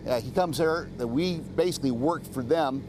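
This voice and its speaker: A man's voice: medium pitch, normal speed. A man volunteer coordinator answering interview questions outdoors in a casual, rambling way. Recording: clear outdoor noise.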